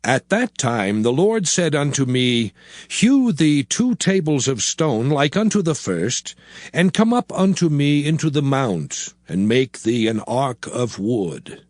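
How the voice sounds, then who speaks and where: A man's voice: mid-range voice, big pitch swings, takes it slowly, dry recording. A man playing Moses, a solemn prophet addressing his people in a declamatory, dramatized scripture reading with archaic diction. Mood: solemn recounting. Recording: music behind the voice. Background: background music.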